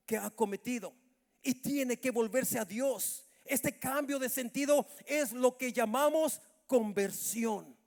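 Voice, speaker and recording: A middle-aged pastor preaches in a very high voice. He calls out to the brothers as he goes. His words ring through a church hall with a long echo. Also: a little mellow. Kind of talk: sermon at a Bible study.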